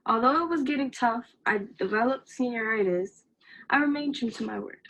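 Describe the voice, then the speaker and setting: A young graduating senior gives her class speech with a playful, self-mocking touch. Her voice sits slightly high. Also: brisk, fairly bright tone, low-quality recording. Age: young adult.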